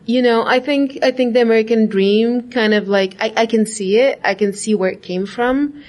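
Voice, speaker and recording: A woman's voice: on the high side, normal speed, a little mellow. Reflective young woman. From Iraq. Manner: reflective, frequent "like" and "right?" asides. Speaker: interviewee, graduate student. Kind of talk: casual interview talk.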